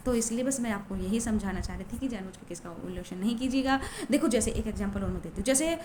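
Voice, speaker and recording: A woman's voice: mid-range voice, quick pace, a little mellow, slight background noise. A woman coach talking casually and chattily, repeating herself with many fillers. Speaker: law of attraction coach. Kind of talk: casual talk to camera.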